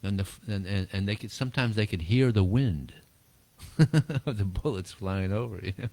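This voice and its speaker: A man giving a relaxed spiritual talk to a small group, chuckling often and repeating words as he answers questions. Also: lowish voice, normal speed, no room sound. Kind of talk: informal talk and Q&A.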